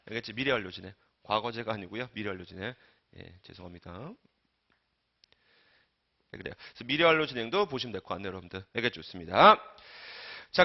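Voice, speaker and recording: A man teaching an English grammar lecture, coaxing students with questions he answers himself and trailing off softly at the ends of phrases. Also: mid-range voice. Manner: coaxing, asks and answers his own questions. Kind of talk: recorded online lecture. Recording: dull lo-fi lecture recording.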